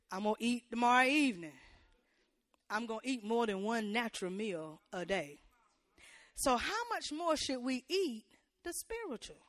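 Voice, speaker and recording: A woman preaches a sermon in church, drawing the congregation into call-and-response and tossing them playful asides as she builds to loud, emphatic peaks. Her pitch is fairly high, and the recording is dry.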